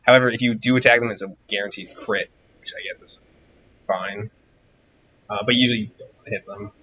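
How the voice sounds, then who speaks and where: A low-pitched man talks through his gameplay in a loose, wandering way, thinking aloud and getting sidetracked. His voice is hoarse and wearing out. The stream audio is dull and lo-fi, with a faint hiss underneath. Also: steady tone, fairly quick. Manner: rambling, distracted, musing aloud. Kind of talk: casual gameplay commentary.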